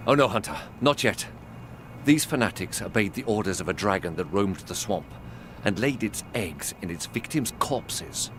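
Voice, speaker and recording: An actor playing a grave male informant, explaining in a low voice. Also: animated, normal speed, background noise, lightly acted.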